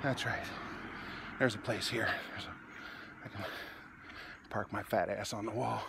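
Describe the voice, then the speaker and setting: A man in his forties, out of breath and chatty, vlogging on a phone held at arm's length while walking a dark street at night. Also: on the low side, fairly even intonation, a little slow, creaky. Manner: tired, winded, chatty. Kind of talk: casual walking vlog. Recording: noisy outdoor phone recording.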